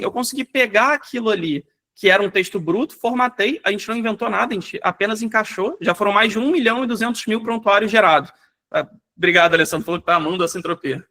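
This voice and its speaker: A high-pitched Brazilian man rattles through a live software demo at a brisk clip. His tone is bright and forward, and he keeps tossing in "né?" and "gente" to the audience. The sound comes over a video call. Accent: Brazilian Portuguese. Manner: energetic, rapid, fills with "né?" and "gente". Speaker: software company founder presenting. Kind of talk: live online workshop demo.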